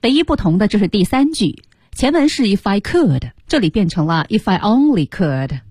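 A woman teaching English on a radio lesson, with a mellow, warm tone and a pitch that moves a lot. She breaks down song lines and hums the tune between explanations. The studio sound is close and dry. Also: very animated, a little fast, slightly rough, no room sound. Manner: explains lyrics, hums and sings the melody in snippets.

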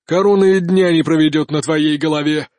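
A man voicing a proud old nobleman who speaks slowly and defiantly. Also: fairly high pitch, steady tone, a little mellow, dry recording, studio quality, close to an everyday voice.

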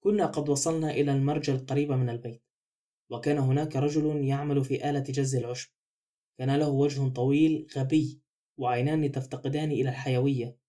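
A man narrates a novel at a fast clip, his voice mellow and dark. His delivery is brisk and even, with a slightly raised pitch for a man. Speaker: audiobook narrator. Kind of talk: scripted narration.

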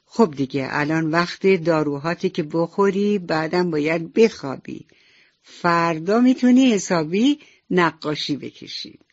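A woman voicing a kind, motherly female nurse who speaks softly and reassuringly in a radio bedtime story. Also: on the low side, muffled recording, natural voice. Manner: soft, tender, reassuring.

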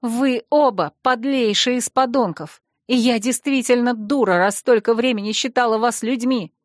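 A woman voicing a proud, hurt and defiant young female mage who snaps back in sharp, clipped retorts. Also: medium pitch, measured pace, dry recording, studio quality, natural voice. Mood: furious.

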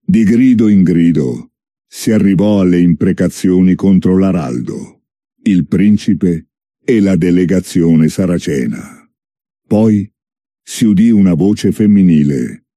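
A man reading a story as narrator, in a measured, deliberate way. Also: deep voice, dark tone, no room sound, studio quality.

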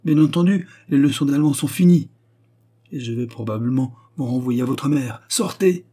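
A man's voice: medium pitch, moderate pace, dark tone, breathy edge, voice pushed up, natural voice. A man reading an audiobook, voicing a stern, indignant young woman of twenty-five who scolds severely. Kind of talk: audiobook character voice.

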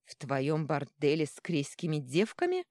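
A woman voicing a cruel, domineering noble father, cold and contemptuous, who bursts into shouting rage. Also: low voice, huge pitch swings, normal speed, dry recording, clean studio sound.

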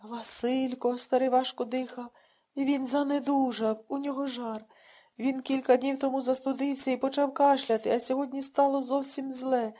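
A woman's voice: high voice, steady tone, moderate pace, mellow, pitched above the performer's own voice. A woman voicing an old blind male bandurist who is breathless and pleading with worry. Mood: anxious telling. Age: older.

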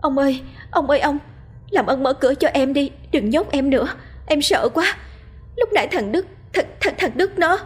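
A woman voicing a terrified young wife, high and pleading. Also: expressive, moderate pace. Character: terrified young wife begging her cruel husband.

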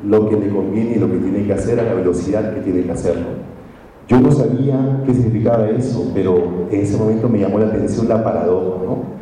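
A journalist and speaker gives a conference talk, telling stories reflectively and often tacking on a questioning "right?". His voice is on the low side and warm, with a little hiss or hum, and he sounds distant in an echoey hall.

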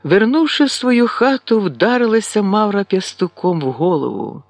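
A man reading a classic novel aloud, with measured, expressive narration. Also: high-pitched, no echo. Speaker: audiobook reader.

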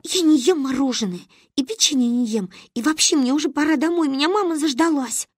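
Woman doing a squeaky shy little girl. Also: fairly quick, no room sound, clean studio sound, lightly acted. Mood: timid. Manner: timid, squeaky, earnest.

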